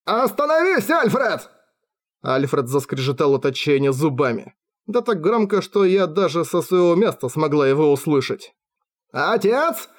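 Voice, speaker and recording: A man narrating a fantasy audiobook with a voice set a little higher than most men's. He tells the first-person story with lively energy, recorded close to the mic. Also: normal speed. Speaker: audiobook reader.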